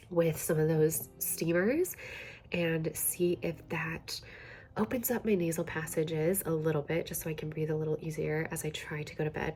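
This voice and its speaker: Sounding congested and nasal because of a cold, a young woman with a voice on the low side talks softly for her casual diary-style vlog. She laughs between phrases as she goes.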